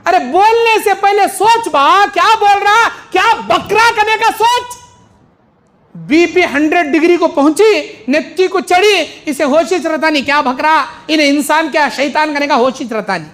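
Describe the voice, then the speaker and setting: High-voiced man preaching emphatically. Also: normal speed, fairly bright tone. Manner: emphatic, repetitive, acts out quoted sinners. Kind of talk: mosque sermon.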